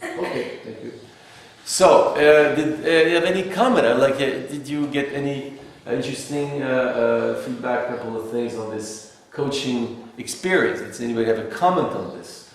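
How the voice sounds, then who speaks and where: A man's voice: medium pitch, moderate pace, vocal fry. A man from Algeria leading a philosophy workshop, lecturing a group in a wry, teasing way. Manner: teasing, wry, laughs between remarks. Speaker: philosophy seminar leader. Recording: echoey room, from far off, faint hiss.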